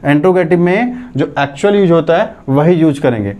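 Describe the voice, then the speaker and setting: A man's voice: on the high side, brisk, a little mellow, a little hiss or hum. A man teaching English grammar in a classroom lecture, explaining step by step, dictating sentences word by word and asking whether the class has understood. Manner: explains step by step, asks checking questions.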